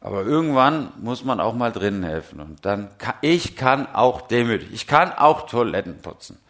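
A man's voice: medium pitch, very animated, moderate pace, a bit bright. A middle-aged man preaching a sermon, telling humorous, self-mocking stories and putting direct questions to the congregation.

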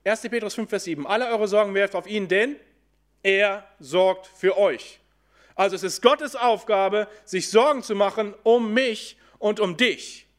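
High-voiced male preacher. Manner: questioning the congregation, then answering himself; slows down for scripture quotes. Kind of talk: sermon.

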